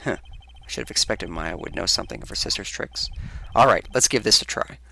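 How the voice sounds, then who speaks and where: A man voicing a nervous young male defense lawyer in a video game, musing in a quiet, worried way. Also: on the low side, a little fast, creaky, full character voice. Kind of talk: fan voice-over of a video game.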